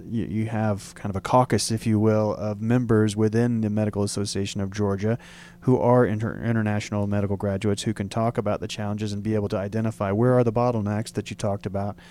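A man with a mellow voice on the low side hosts a radio interview, slight background noise behind him. He goes on at length, filling gaps with fillers and restating his guest's ideas.

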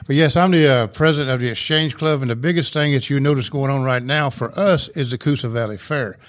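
A man's voice: mid-range voice, brisk. A man, a club president talking at length as an interview guest in a folksy, rambling way. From Rome, Georgia, USA. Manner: talkative, folksy, rambling explanations. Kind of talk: casual interview chat.

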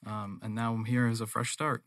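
Male interview guest, North American accent, earnest and wordy, forceful bright tone, fairly flat delivery. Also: medium pitch, fairly quick, dry recording, clean studio sound. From England, later Toronto, Canada. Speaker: guest, manufacturing business owner. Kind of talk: conversational interview.

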